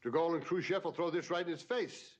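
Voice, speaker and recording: Male actor as older domineering father, scolding, very quick talker. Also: a little high, dull audio, natural voice. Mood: commanding. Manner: brisk, commanding, scolding. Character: domineering older father, former government man.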